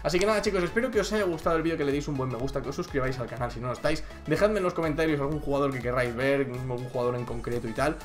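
Excitable young man reacting. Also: mid-range voice, racing, few pauses, soft background music. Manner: animated, cheers and urges plays on, swears casually. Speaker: YouTuber reacting to basketball highlights. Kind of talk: excited live reaction commentary.

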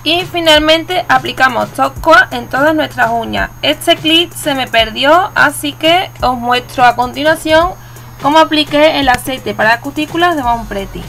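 A woman's voice: high voice, a little slow, gravelly, fairly bright tone. A woman from Spain with a Spanish accent, hosting her nail art channel and narrating a step-by-step tutorial in a chatty, instructive way. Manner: instructive, chatty, self-correcting. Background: faint background music.

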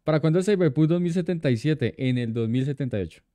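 A man's voice: fairly high pitch, lively intonation, fast talker, warm tone, no room sound. A man, streaming live and chatting casually, greeting and thanking viewers by name.

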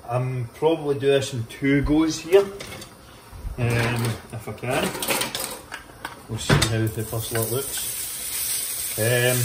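Slow and fairly even in intonation with long pauses, a young man's medium-pitched voice comes through heavy background noise. A fitness vlogger, he casually walks through a meal-prep recipe in his home kitchen, upbeat, chatty, and loose with swearing. He films on a phone at arm's length, and the kitchen echoes with faint clicks.

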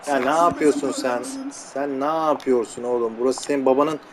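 A man talks casually over a football video game match, teasing and scolding his own players with dry jokes. His voice sits in an ordinary middle pitch. A loud game stadium crowd roars under him the whole time. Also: steady tone, moderate pace. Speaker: gameplay commentator. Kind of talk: casual gameplay commentary. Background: loud game crowd noise.

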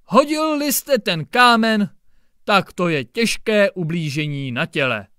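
A short-tempered old-fashioned judge who snaps and scolds, his voice pitched up and loud, put on by a man reading a story. His speech swoops with lively pitch. The sound is close and dry. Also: clean tone, dry recording. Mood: scolding. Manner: barking, scolding outbursts. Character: irritable blustering male district judge, middle-aged.

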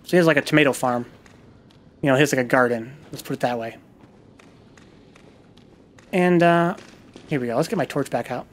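A man's voice: medium pitch, a little fast, long pauses. A man casually commenting on his gameplay while telling a long, rambling personal story, swearing freely and poking fun at himself. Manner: rambling, profane, self-deprecating storytelling. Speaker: gaming video host.

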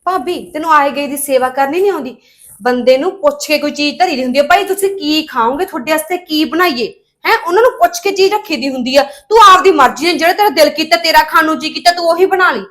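Actress as a demanding young married woman: high voice, rapid, scolding. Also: fairly bright tone. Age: young adult. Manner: scolding, sulky, fault-finding. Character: demanding spoiled young married sister-in-law. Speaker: actress in a village family drama.

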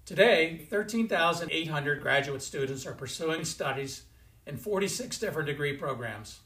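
A man in his sixties, a university president giving a formal commencement address from a home study, in a measured, stately delivery. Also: fairly high pitch, fairly bright tone. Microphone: fixed camera, chest-up framing. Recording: roomy indoor echo.

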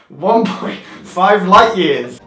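A man's voice: sits high, lively intonation, drawn-out words, far from the mic. A man in his twenties hosting a casual quiz and reading out questions. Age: 20s. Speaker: quiz host. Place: small tiled bathroom, indoors. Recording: echoey bathroom, off the mic, music.

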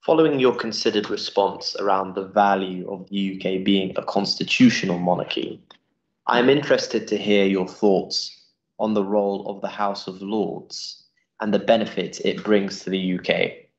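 A man's voice: on the low side, fairly even intonation, moderate pace, roomy sound, lo-fi sound. A young man hosting a live interview and reading out audience questions in a wood-panelled office. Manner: friendly, reads audience questions.

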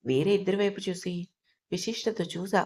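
A woman narrates an audiobook love story at a middling pitch. Her reading is steady and even, the voice of a storyteller carrying the plot along. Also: a little fast.

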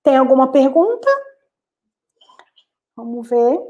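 A woman's voice: sits high, slow pace, warm tone, highs cut off. A woman with a Brazilian Portuguese accent, a guest lecturer giving a live online class over a video call, earnest and explanatory, addressing her students directly.

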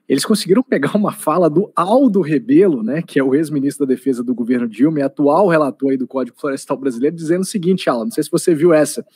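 Husky-voiced Brazilian man, hesitant guest. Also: a little high, a little mellow, no room sound, studio quality. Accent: Brazilian Portuguese. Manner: hesitant, with fillers. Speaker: guest commentator. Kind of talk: casual discussion.

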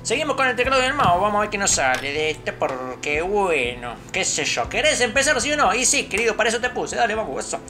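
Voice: big pitch swings, fast, few pauses, sharp tone, faint music behind. Chatty Rioplatense gamer with headset. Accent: Rioplatense Spanish. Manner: chatty, drops to low mutters, startled outbursts. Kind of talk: let's play commentary.

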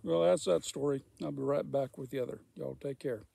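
A man's voice: medium pitch, steady tone, a little fast, gravelly, mellow, no room sound. A man telling a folksy, rambling work story in casual speech while smoking a pipe. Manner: folksy, rambling, repeats himself. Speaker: storyteller, former welder.

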